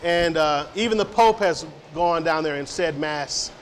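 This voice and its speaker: In an informal public Q&A held indoors in a science center's big hall, a company representative answers the audience at a slightly slow pace. His voice is high, and his manner is friendly but rambling, full of fillers and false starts. The recording carries the hall's echo and a little background noise.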